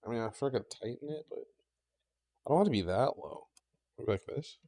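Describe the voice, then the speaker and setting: A man's voice: medium pitch, expressive, fairly quick, mellow, dry recording. A man streaming a game, chatting casually and profanely with his viewers into a mic just below his mouth. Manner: rambling and profane, talks to his chat. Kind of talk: casual live-stream chat. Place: home streaming setup.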